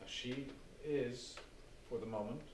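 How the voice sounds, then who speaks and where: A man playing a calm, grandiose cult leader who speaks softly and with chilling composure. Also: mid-range voice, takes it slowly, natural voice. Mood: cold. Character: calm, menacing middle-aged male cult leader. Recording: roomy and distant with faint noise.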